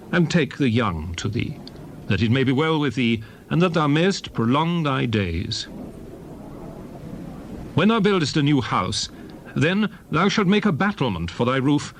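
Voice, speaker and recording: Solemn and dramatized, a male Bible reader delivers old scripture in measured, declarative phrases, his mid-range pitch swinging widely up and down. Behind him there's faint ambience plus a slight hiss or hum.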